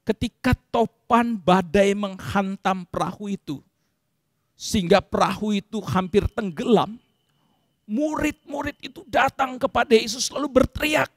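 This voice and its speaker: A man preaching a sermon to his congregation, addressing them directly and swinging between loud outbursts and quiet asides. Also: high-pitched, creaky, no echo, clean studio sound. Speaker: pastor. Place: church service.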